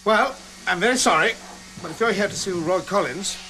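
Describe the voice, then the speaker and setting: An actor playing a middle-aged, defensive legal adviser with formal, prickly phrasing in a television drama. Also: male voice, high-pitched, fairly quick, bright, forceful tone, a little hiss or hum, poor audio. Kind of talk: naturalistic television drama acting. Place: small office indoors.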